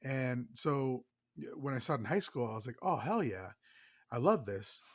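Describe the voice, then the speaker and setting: This podcast co-host has a blocked nose that makes his medium-pitched voice nasal, and he speaks at normal speed with big pitch swings. In the casual conversation he's eager and swears a lot.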